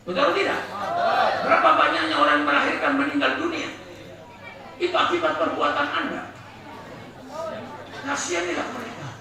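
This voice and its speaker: A man preaching a humorous sermon to a live congregation, joking, asking the crowd for agreement and acting out household exchanges. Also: extremely high pitch. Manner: jokey, asks the crowd for agreement, acts out short household exchanges. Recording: very echoey hall, voice far from the mic, crowd audible.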